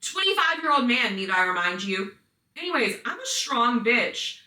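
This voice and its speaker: A woman's voice: fairly high pitch, big pitch swings, moderate pace, bright, forceful tone, recorded from a distance. A woman hosting a podcast, reading listener stories aloud in casual story-time style, blunt and profane with chatty asides. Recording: roomy sound, voice set back from mic.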